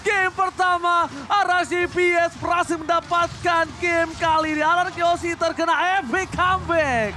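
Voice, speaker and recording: High-pitched hyped game announcer, an Indonesian man. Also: fairly even intonation, normal speed, few pauses, bright, forceful tone, soft background music. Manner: fighting game announcer style, hyped dramatic calls. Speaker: esports match commentator. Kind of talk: live play-by-play game commentary.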